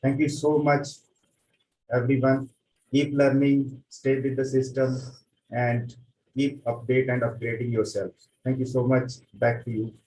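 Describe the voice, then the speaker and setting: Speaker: flat-voiced man, far from mic, roomy with faint background hum. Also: mid-range voice, measured pace. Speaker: webinar speaker. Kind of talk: thank-you remarks.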